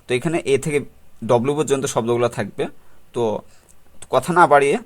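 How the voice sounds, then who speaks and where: A man's voice: mid-range voice, fast talker. A man with a Bangladeshi accent, teaching English vocabulary in a tutorial, who poses rhetorical questions and mixes in English terms. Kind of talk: explanatory tutorial talk.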